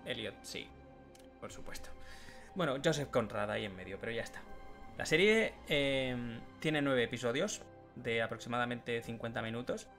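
A man co-hosts a casual podcast chat and talks through his points at length. His voice sits in a middle register, and soft music plays faintly underneath. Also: medium pitch, lively intonation, normal speed, creaky. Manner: conversational, explains at length. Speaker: podcast co-host.

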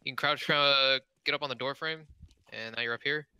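A man in a gaming voice chat, explaining map tricks step by step in a relaxed way. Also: mid-range voice, fairly quick, clean tone. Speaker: playtester.

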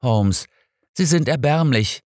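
A man's voice: mid-range voice, animated, slow pace, darkish tone, no room sound, studio quality, pitched above the performer's own voice. A man playing a touchy, stubborn old doctor. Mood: indignant. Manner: indignant, sulky. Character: stubborn, touchy older male doctor companion.

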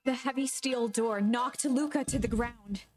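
A woman's voice: fairly high pitch, a little slow, lightly acted. A woman acting as a solemn storybook narrator for a mystery game, telling the tale in a scripted dramatic style. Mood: solemn, ominous. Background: music.

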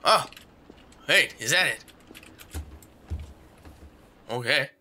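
A gamer provides let's play commentary on a horror game, muttering to himself and yelping or screaming at every scare. His mid-range voice is animated, pushed and bright, yet he speaks very slowly.

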